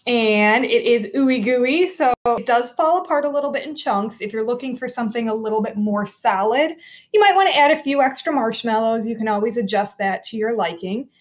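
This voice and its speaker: A woman teacher in her thirties runs a kids' cooking video in her own kitchen, explaining every step in a cheerful, clear, instructive way. A laptop camera across the counter picks up her fairly high voice, a little fast with lively intonation.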